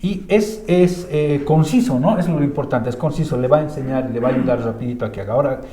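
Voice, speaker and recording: A man's voice: medium pitch, fast, warm tone, a little hiss or hum. A man with a Bolivian Spanish accent, teaching about the Bible in a conversational way, with many filler tags and restarts. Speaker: church teacher. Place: church room. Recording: roomy echo.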